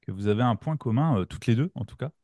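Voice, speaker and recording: A man hosting a podcast, introducing guests bluntly and with halting fillers. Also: medium pitch, expressive, warm tone, dry recording, clean studio sound. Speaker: podcast host. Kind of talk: casual podcast chat.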